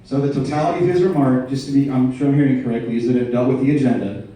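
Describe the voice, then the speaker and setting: In a large indoor meeting room, a delegate in a formal procedural debate fires precise, methodical, insistent questions at the chair. His warm, mid-range voice moves very fast, picked up by a distant floor microphone in a roomy, echoing hall.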